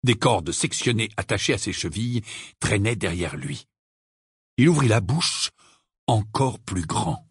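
Husky, expressive male audiobook narrator. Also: fairly low pitch, unhurried, dry recording, studio quality. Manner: dramatic, expressive reading. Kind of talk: scripted narration.

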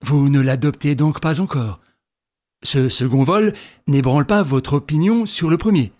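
A man's voice: fairly high pitch, measured pace, darkish tone, close to an everyday voice. A man voicing a male baron who speaks with a touch of irony. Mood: ironic. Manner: ironic. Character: startled, wry male aristocrat baron.

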